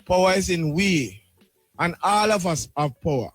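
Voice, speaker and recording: Higher-voiced Jamaican man, rasta speech. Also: animated, moderate pace, no room sound. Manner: rasta speech, with devotional greetings and repeated tags.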